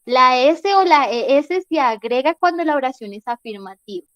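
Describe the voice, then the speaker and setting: A woman leads an online English class, explaining grammar patiently and pausing to check that students follow. Her voice sits high, and the sound is dry and close. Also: animated, fairly bright tone, dry recording, muffled recording. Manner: patient, checks in often with "¿sí?" and "¿listo?". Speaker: English teacher.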